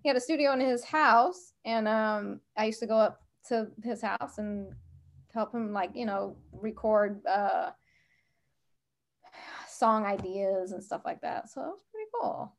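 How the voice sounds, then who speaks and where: Her mid-range voice is unhurried and carries vocal fry as this middle-aged West Coast American chats on a podcast. She loosely recounts anecdotes, dropping in asides as she goes.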